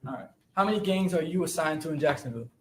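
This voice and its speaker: A man, a defense attorney, quickly questioning a witness from a courtroom podium with halting restarts, heard in a courtroom recording. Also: lively intonation. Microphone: courtroom podium microphone. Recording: echoey courtroom, faint rumble.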